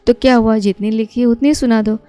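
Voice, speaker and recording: A woman voicing a polite, curious young working woman stranded on a night road, in a mellow tone. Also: a little high, steady tone, fairly quick, lightly acted. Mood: friendly.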